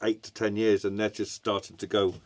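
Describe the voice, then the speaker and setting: A man's voice: on the low side, level tone, fairly quick. A man interviewing a band in a studio, chatty and rambling.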